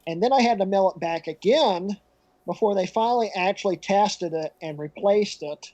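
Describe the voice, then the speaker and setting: A man's voice: high-pitched, moderate pace, a little mellow, dry recording. A man co-hosting a podcast over a call, rambling with fillers while his audio glitches and freezes. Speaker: podcast co-host. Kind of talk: casual chat over a call. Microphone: laptop on a video call. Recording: dull, dry remote call audio.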